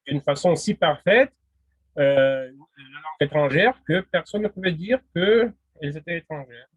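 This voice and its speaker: Slow hesitant male teacher, dry sound. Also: on the high side, breathy edge, no room sound, lo-fi sound. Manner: hesitant, many fillers and restarts; laughs readily. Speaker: linguistics teacher. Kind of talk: casual spoken lesson.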